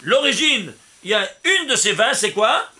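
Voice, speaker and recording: A man's voice: high-pitched, big pitch swings, moderate pace, slight background noise. A man, a rabbi, giving a Torah commentary, emphatic and often asking his listeners rhetorical questions. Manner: emphatic, stresses words loudly. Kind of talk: Torah commentary with number interpretation.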